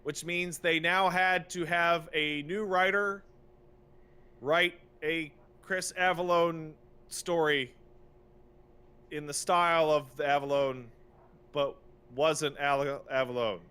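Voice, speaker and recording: With a fairly high, steady voice that is pushed, bright and clean, a podcast co-host slowly works through an exasperated, opinionated rant. He swears liberally and repeats phrases to drive his points home.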